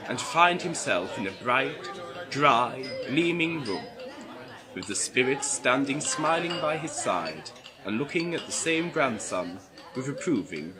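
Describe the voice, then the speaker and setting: A man's voice: mid-range voice, big pitch swings, measured pace, crowd noise. A man narrating a comic parody of a classic story in a playful mock-Victorian manner.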